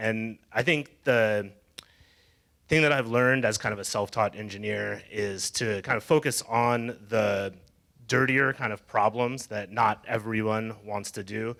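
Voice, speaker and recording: Gravelly low-voiced man on a panel. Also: a bit bright. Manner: hedging, many "kind of" and "uh". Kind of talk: casual personal story at a panel. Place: meetup event room.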